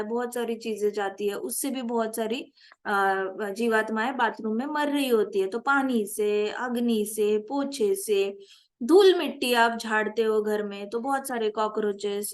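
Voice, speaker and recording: Woman, high voice, animated scripture teacher. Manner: animated, mixes English phrases into Hindi teaching, asks class questions. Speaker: spiritual teacher. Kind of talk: scripture class lecture.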